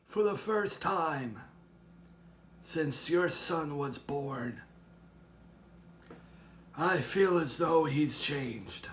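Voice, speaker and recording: A man voicing a stern older grandmother who speaks in a measured, grave and threatening way, in an amateur drama. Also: on the high side, lively intonation, slight background noise. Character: stern protective grandmother, older woman, menacing resolve.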